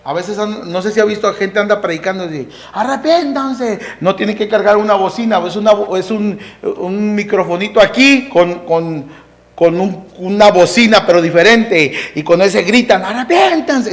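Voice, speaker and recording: A man preaching a sermon as pastor, who shouts out scripture and then drops to a hushed, slow voice, calling the congregation "hermano" and "amado". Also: sits high.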